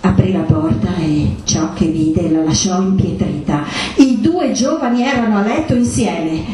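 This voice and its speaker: A woman's voice: fairly low pitch, measured pace, distant mic, a little hiss or hum. Woman reading a story aloud in an echoey hall. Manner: expressive reading, rising into quoted voices. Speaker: reader at a book presentation. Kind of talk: literary reading. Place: event hall.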